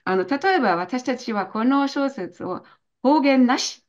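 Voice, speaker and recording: A woman's voice: sits high, expressive, measured pace, lo-fi sound. A woman working as interpreter in an online talk, speaking hesitantly with many fillers, over a video call.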